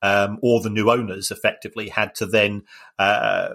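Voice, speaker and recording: A man co-hosting a podcast, explaining football finance in a measured way with many fillers and restarts. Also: lowish voice, little pitch movement, fairly bright tone. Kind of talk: casual podcast chat.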